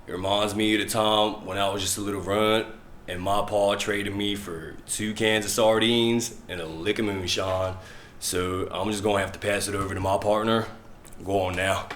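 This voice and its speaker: A man's voice: fairly low pitch, steady tone, normal speed, noisy background, voice pushed down, lightly acted. A man voicing an old rural Southern storyteller in a put-on Southern US accent, with a folksy drawl, in a roomy house. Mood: reluctant. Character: old rough-hewn rural Southern man telling stories. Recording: roomy echoing room.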